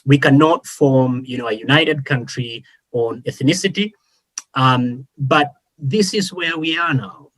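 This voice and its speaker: A man's voice: medium pitch, measured pace, a bit bright. A man born and raised in Kenya, speaking as a panelist in an online discussion, earnest, with many fillers and restarts.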